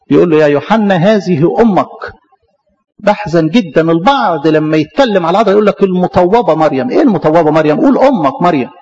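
A man with an Egyptian Arabic accent delivers a fervent sermon, his high voice racing ahead as he fires rhetorical questions at his listeners. The recording is dull and lo-fi. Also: a little mellow. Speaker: priest.

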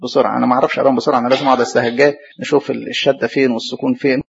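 A man with an Egyptian Arabic accent teaching a Bible study sermon, asking questions aloud and answering them himself, and slowly spelling out hard names. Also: mid-range voice, flat delivery, gravelly, slightly rough. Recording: dull lo-fi recording.

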